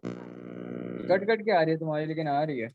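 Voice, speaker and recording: Give me a high, lively young-sounding man on a dull, muffled voice call, teasing his friends and cutting in with quick jokes. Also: creaky, no echo. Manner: joking, teasing, quick to cut in. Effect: heard over a voice call. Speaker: learner on the call. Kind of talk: casual chat among friends.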